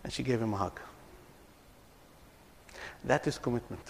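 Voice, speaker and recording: A man from Palestine, a ministry speaker on reconciliation, gives a speech and tells stories earnestly to an audience, often repeating his words. He has a mid-range voice with vocal fry at a moderate pace. The recording has slight background noise and long hall reverb.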